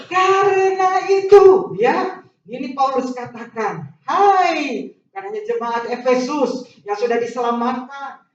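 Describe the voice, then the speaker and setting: A woman preaching a sermon, drawing answers from the congregation with singsong stresses and lively asides. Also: fairly high pitch. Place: church hall. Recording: echoey church hall from far off, dull sound.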